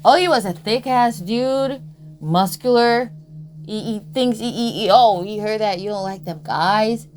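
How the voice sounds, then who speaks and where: A woman's voice: mid-range voice, a little slow, a little mellow, slight background noise. Blunt, emphatic woman ranting casually. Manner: blunt, emphatic, repeats "Okay?", swears freely. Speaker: tarot and astrology content creator. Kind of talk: casual spiritual commentary monologue.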